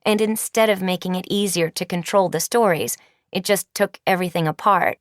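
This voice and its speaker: A woman's voice: lowish voice, a little fast, no echo, studio quality, close to an everyday voice. A woman voicing a serious teenage girl, daughter of an evil queen, speaking steadily and matter-of-factly.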